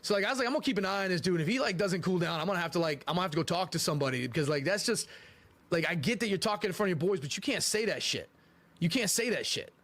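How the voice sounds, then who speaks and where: A man's voice: sits high, lively intonation, very fast, a bit bright. A man telling a casual story from a streaming clip, rambling and repeating himself, stumbling over his words.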